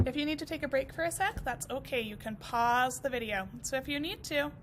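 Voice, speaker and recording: A woman teacher reading a picture book aloud to first graders, expressive and encouraging, asking them questions as she goes. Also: sits high, brisk, a little hiss or hum.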